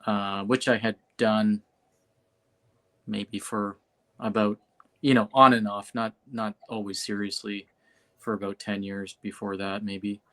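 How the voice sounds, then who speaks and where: A man's voice: lowish voice, level tone, a little slow, pauses often, a bit bright. A man speaking as a host and pastor in a casual chat, loosely and often correcting himself.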